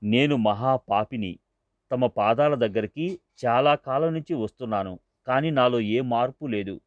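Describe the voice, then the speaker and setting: A man's voice: unhurried, dry recording, natural voice. A man doing a sobbing, pleading devotee. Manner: pleading, sobbing, higher and strained. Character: weeping remorseful middle-aged male devotee, desperate. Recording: dull lo-fi dry recording.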